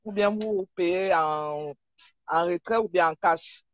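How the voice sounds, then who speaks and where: A man's voice: high voice, slow pace, rough recording. A man speaking casually, putting simple questions.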